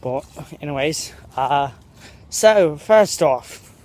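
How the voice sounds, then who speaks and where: An American guy hosts a vlog while strolling around a school campus outdoors, faking a British accent. His voice is a little high, slightly mellow and animated, and he talks slowly, joking and wandering off topic with lots of fillers and self-corrections. There's a bit of background noise.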